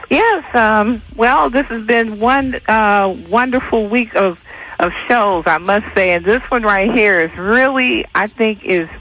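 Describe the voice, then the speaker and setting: High, bright-voiced woman caller. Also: a little slow, a little hiss or hum, low-quality recording. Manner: enthusiastic, rambling, many fillers. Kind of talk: call-in comment on talk radio. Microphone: phone call.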